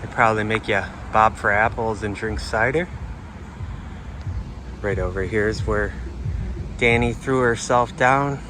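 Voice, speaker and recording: Street noise and passing cars surround this travel vlogger, whose voice sits on the low side. He speaks a bit slowly with long pauses, rambling through a casual chat full of fillers and restarts.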